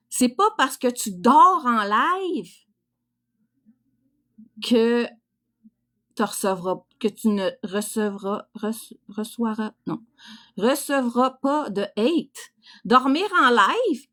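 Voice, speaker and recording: A woman with a fairly high voice and a Québécois French accent. She talks slowly, in a casual livestream style. Her manner is frank, teasing and crude, full of colloquial turns. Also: lively intonation, fairly bright tone. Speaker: livestream host. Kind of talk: casual live chat reacting to viewers.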